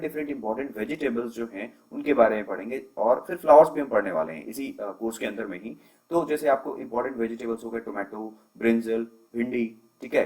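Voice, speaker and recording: In a low-quality recording, a young man with a fairly low, darkish voice gives an agriculture lecture over slides. He patiently explains terms, mixing English words into his Hindi and using plenty of fillers.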